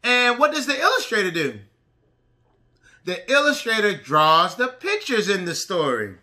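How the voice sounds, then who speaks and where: A woman's voice: mid-range voice, very animated, a little slow, bright, forceful tone. A woman teaching pre-kindergarten, reading aloud to young children and asking simple questions, with emphatic enunciation of key words. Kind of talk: read-aloud lesson for small children.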